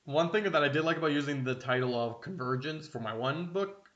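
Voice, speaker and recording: A man's voice: a little high, brisk, fairly bright tone. A young man from Canada, co-hosting a casual podcast and rambling with many self-interruptions. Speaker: podcast co-host. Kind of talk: casual chat. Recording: dull, roomy home recording.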